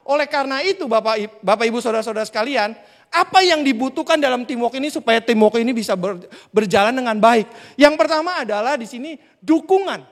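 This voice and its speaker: A male preacher giving a sermon, telling a lively story and talking directly to the congregation. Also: very high-pitched, quick pace. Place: church hall. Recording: reverberant church hall.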